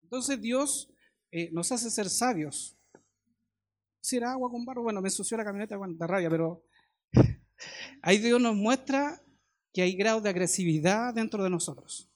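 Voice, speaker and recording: With a Chilean accent, a middle-aged man delivers a conversational sermon full of everyday anecdotes and brief questions to the congregation. His voice sits high.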